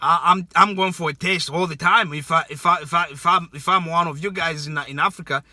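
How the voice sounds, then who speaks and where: A man's voice: fairly high pitch, fairly even intonation, a little fast, bright, forceful tone, no echo. A man from Zambia, giving casual advice in a rambling way and repeating words for emphasis.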